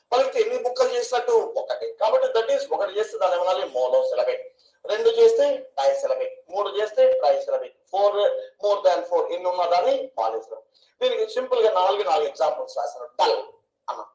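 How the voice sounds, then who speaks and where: High-voiced man teaching syllables. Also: a little mellow. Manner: slow, questioning, drawing out each syllable. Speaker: English grammar teacher. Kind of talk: online classroom lesson. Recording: echoey room, dull lo-fi sound.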